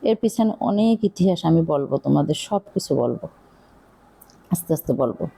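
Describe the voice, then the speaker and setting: A middle-aged Bangladeshi woman, a cooking vlogger with a Barishal Bengali accent, chats casually as she cooks, rambling, confiding and using plenty of fillers. Her low voice is gravelly, mellow and slightly rough, with lively intonation at a normal speed.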